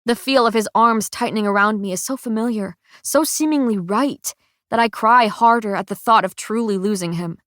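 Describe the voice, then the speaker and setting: A woman narrating a first-person audiobook in a slow, measured, emotional reading on a close studio mic. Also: fairly high pitch, fairly bright tone, dry recording.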